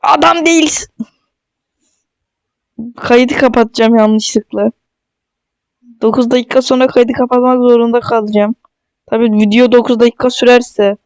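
A man giving casual, excitable gameplay commentary, joking and talking straight to his viewers. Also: very high voice, clean tone, no echo. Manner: chatty and excitable, jokes and talks straight to viewers. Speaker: mobile gaming streamer.

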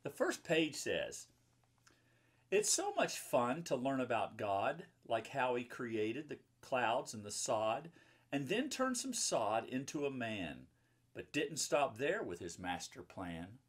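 Speaking slowly but very animatedly, a man in his fifties with a mid-range voice reads a children's story aloud. He is a pastor and children's book author, and he makes simple, chatty asides for young listeners. The sound is slightly rough, recorded indoors in a book-lined room at home or an office.

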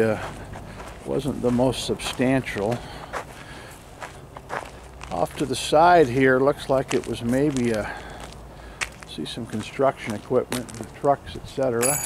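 Holding the camera himself, a man explores an abandoned motel as a vlogger, musing and observing in loose, off-the-cuff narration while he walks the derelict lot outside. His pitch is medium. The handheld camera microphone captures plenty of outdoor noise and a constant ambient roar.

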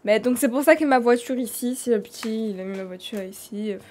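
A woman with a French accent, a streamer doing live game role-play, talking in an animated and dramatic way. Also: fairly high pitch. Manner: animated, dramatic, quick swings in loudness.

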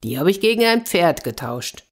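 A woman's voice: lowish voice, very animated, moderate pace, breathy edge. A woman voicing Hans, a naive and happy young man, in a children's fairy tale reading, eager and delighted.

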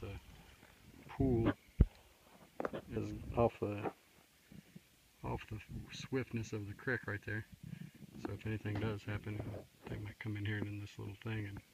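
A man's voice: lowish voice, creaky. A middle-aged man, casually vlogging by a creek in the woods, talking in a folksy, rambling way with lots of fillers. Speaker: outdoor survival vlogger. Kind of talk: casual outdoor vlog. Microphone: handheld camera at arm's length. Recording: outdoor camera mic, noisy.

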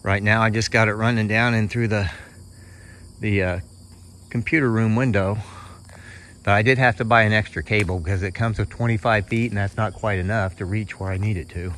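Brisk and slightly bright, this fairly low male voice keeps a fairly even intonation. A middle-aged American presenting his hobby speaks in a folksy, unscripted way from a yard and a roof, and the recording carries insect noise.

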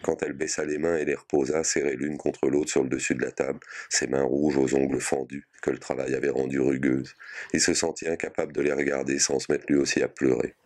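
A man reading a short story aloud in a measured, sober way. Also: extremely low pitch, flat delivery, a little mellow. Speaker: reader.

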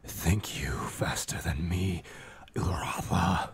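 A man voicing a menacing, taunting spirit in a tabletop game, in a slow, dark whisper as if from just behind the listener. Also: deep voice, husky, heavily acted. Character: taunting, menacing rot spirit hunting from the shadows.

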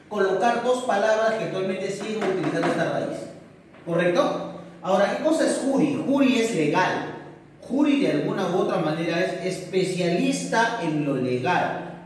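A man's voice: high voice, slight background noise. A young man teaching a lesson at a whiteboard for distance learning, asking questions in a student's voice and answering them himself with tag questions. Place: room with a whiteboard, indoors. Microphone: camera across the room. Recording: very echoey room, voice from far off.

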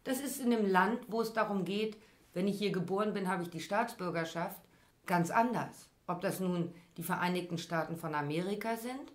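A woman speaking as an academic expert, commenting in a measured, academic way. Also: medium pitch, roomy sound.

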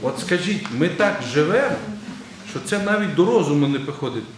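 A man's voice: a little high, expressive, a little fast. A man, an Orthodox metropolitan, preaching a sermon in a large church and quizzing the congregation in a conversational way. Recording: very echoey church with faint ambient noise.

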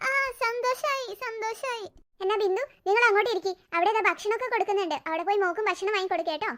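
A woman's voice: very high-pitched, racing, fairly bright tone. A woman voicing a busy, fussy cartoon mother who scolds and coaxes her daughter. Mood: fussing. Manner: scolding, coaxing. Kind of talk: cartoon voice acting.

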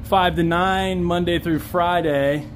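On a busy city street, a vlogger in his thirties takes it slowly, his high voice steady as he casually tours on foot and reflects on the sights he points out. The handheld camera, in front selfie view, also picks up faint traffic.

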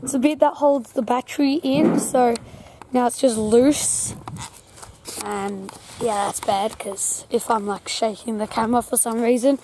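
A woman's voice: fairly high pitch, steady tone, measured pace. A woman vlogging from a farm paddock, chatting loosely into a handheld camera with lots of fillers. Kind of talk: casual vlog narration. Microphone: handheld camera mic. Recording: noisy outdoor camera audio. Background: outdoor ambience, animals, vehicle.

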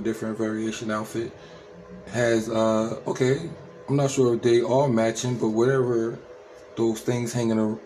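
A man's voice: mid-range voice, darkish tone, slight background noise, rough recording. A man in his thirties from New Jersey with an American accent, giving casual, slangy reaction commentary. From Trenton, New Jersey, USA. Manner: slangy, repetitive tag questions. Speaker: reaction video host.

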